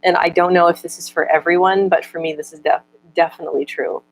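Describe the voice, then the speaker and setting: Speaking in a lowish, steady voice over poor audio, the young woman casually replies to viewer comments. She tends to stutter, repeating words and breaking off syllables, and her reading of the comments is slower.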